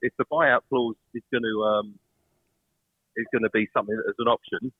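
A man's voice: fairly low pitch, steady tone, brisk, breathy edge, dry recording, phone-quality sound. A man joining a podcast chat by phone while out of breath, talking as he walks through an airport.

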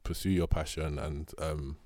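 A young man with a deep voice and a London roadman accent, recorded close and dry. He chats in loose street slang like a podcast co-host bantering with a friend. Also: level tone, normal speed, darkish tone, no echo. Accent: London, urban roadman. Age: young adult. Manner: slangy, bantering, addressing listener as bro. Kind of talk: casual podcast chat.

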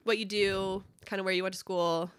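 A woman's voice: mid-range voice, fairly even intonation, brisk, slight background noise. A young woman hosting a podcast interview in casual, giggly, informal chat. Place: studio, in person.

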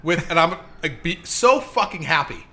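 A man's voice: fairly high pitch, very animated, normal speed, pushed and bright. A man talking as a podcast guest, telling blunt, profane stories about film work and laughing along the way. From Hollywood, California. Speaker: podcast guest, producer and author. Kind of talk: casual chat.

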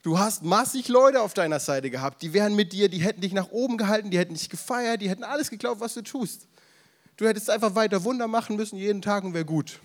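A man preaching to a young crowd in an animated, storytelling way, his voice sitting a little high for a man. He slips into slangy asides and acts out the crowd's shouted questions. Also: quick pace. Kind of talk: casual youth sermon. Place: event room with audience, drinking beer.

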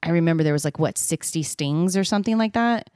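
Her deep, darkish voice moves at a quick pace, captured cleanly in an echo-free studio. She's a woman in her thirties, a singer and podcast co-host who sings in Spanish though it isn't her first language, chatting candidly about gigs with many fillers and ready laughter.

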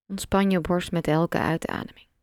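A woman guiding a relaxation meditation, giving slow, calm, soft instructions with long pauses. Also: fairly low pitch, clean tone, no echo, studio quality. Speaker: meditation guide.

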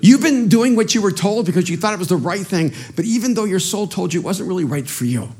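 A middle-aged man from El Salvador, a native Spanish speaker, preaches as a pastor with lively, self-mocking energy, frequently repeating words when he begins again. His voice is high-pitched and his delivery fast.

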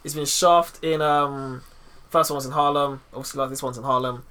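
A man's voice: mid-range voice, fairly even intonation, a little fast, pushed and bright. A man with a London roadman accent chatting casually about films as a podcast co-host, using heavy street slang. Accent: London, urban street.

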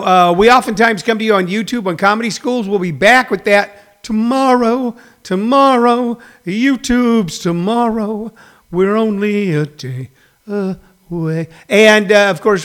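A male host chatting casually to his listeners in a halting, digressive, self-deprecating way. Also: sits high, a bit bright. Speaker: host of a daily live streamed comedy radio show. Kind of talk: casual, rambling chat to listeners.

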